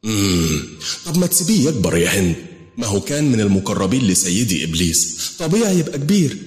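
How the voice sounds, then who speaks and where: A man's voice: lowish voice, very animated, fast, darkish tone, roomy sound, long reverb tail, pitched above the performer's own voice. A man with an Egyptian accent voicing a mocking, arrogant female jinn queen in a spoken horror story. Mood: scornful. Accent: Egyptian Arabic. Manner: scornful, teasing.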